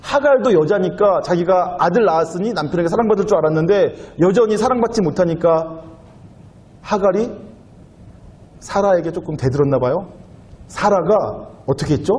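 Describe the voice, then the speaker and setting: A young man preaching a sermon in a warm, mellow voice that rises and falls a great deal. He talks with the congregation like a conversation, asks them questions, and jumps into a higher voice when he acts out what someone said. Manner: conversational, acts out quoted lines in raised voice. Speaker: youth pastor.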